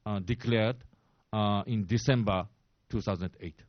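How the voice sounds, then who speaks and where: A man's voice: on the low side, dry recording. A man in his sixties with a Japanese accent gives a press briefing in English. He stops and restarts often and then presses his points hard. The sound is dry and a bit dull. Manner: halting, many fillers and restarts, grows emphatic. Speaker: press briefer, former diplomat.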